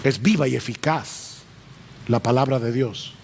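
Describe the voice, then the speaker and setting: A man's voice: mid-range voice, unhurried, creaky, a little mellow, slight background noise. A middle-aged male pastor preaching a sermon, emphatic and repeating key phrases for stress. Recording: long reverb of a large hall.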